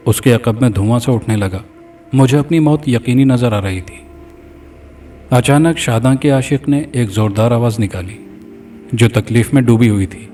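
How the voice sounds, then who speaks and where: Mellow male horror storyteller. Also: mid-range voice. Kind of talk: scripted horror narration. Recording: distant mic, faint background music.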